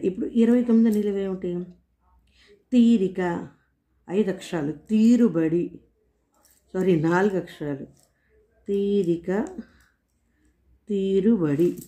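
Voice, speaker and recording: A woman solving a crossword aloud, slowly musing as she reads out clues and tries answers. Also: mid-range voice, dark tone. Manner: thinking aloud, slow and musing. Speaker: puzzle solver.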